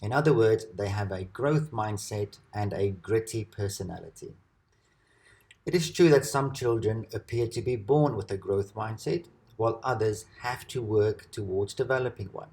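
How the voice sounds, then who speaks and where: A man reading a scripted educational narration at a measured, steady pace. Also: lowish voice. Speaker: presenter.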